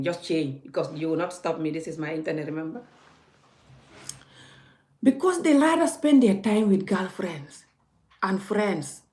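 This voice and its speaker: Her voice fairly low and a little mellow, a woman vlogs an impassioned, scolding rant, speaking frankly and directly to the viewer. Noticeable echo rings around the room.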